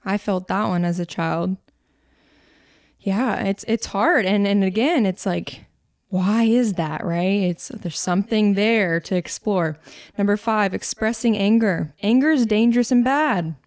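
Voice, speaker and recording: Woman co-host, casual faith talk, mid-pitched, chatty with asides, dry close mic. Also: a little mellow, dry recording. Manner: conversational, fillers and quick asides. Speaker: podcast co-host. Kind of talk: casual faith-based discussion.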